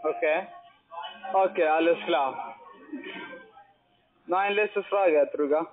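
Speaking slowly, this high-pitched male caller keeps pressing and questioning in an argumentative sales call, his phrasing marked as non-native. The phone audio is tinny, and loud office chatter and music fill the background.

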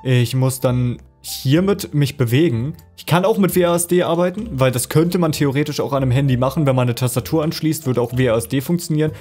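A man hosting a screen-recorded software tutorial, explaining casually with fillers and speaking straight to his viewers. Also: mid-range voice, a little fast, few pauses, faint music behind. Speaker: tutorial host.

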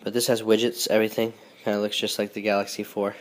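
A man with a cold talks through a phone tutorial in a nasal, stuffed-up voice. His voice sits low and stays fairly flat, and his delivery is relaxed and chatty, dotted with ums and small restarts. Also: fast. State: sick with a stuffy nose. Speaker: host. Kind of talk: casual phone tutorial walkthrough.

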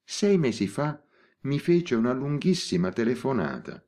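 A serene old woman in her eighties, voiced by a male audiobook reader, speaking in a raised, bright register. She stays composed and matter-of-fact, with a lively rise and fall. Her pace is unhurried and measured. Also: mid-range voice, pitched above the performer's own voice. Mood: recounting. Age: 80s. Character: elderly spinster woman, calm and unrepentant. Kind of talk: audiobook character reading.

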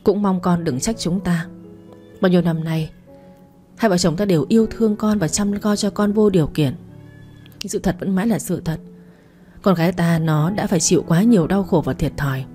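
A woman's voice: on the low side, moderate pace, dark tone, faint music behind, natural voice. A woman voicing a grieving mother who speaks with choked earnestness. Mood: grave. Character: grieving mother, firm and tearful.

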